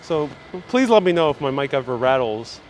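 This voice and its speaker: A man's voice: mid-range voice, very animated, normal speed. Male live tour guide, slightly muffled by a mask, chatty and courteous, casual delivery over faint outdoor street noise. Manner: chatty, effusively polite to viewers. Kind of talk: casual live commentary, answering viewer comments. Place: outdoors, walking on city streets. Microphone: clip-on mic worn on the body. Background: street ambience, passing vehicles.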